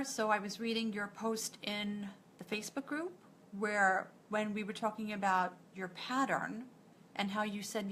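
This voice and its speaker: With a mid-range, somewhat bright voice and a little hiss or hum in the audio, a woman nutritionist from New York leads a live online coaching session. Her delivery is direct and encouraging, with thoughts strung together by "and so."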